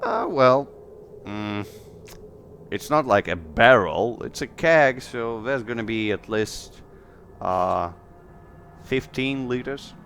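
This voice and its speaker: A man's voice: mid-range voice, slow, pauses often, a little hiss or hum. A man narrating as game master, laughing often. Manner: lively, laughing.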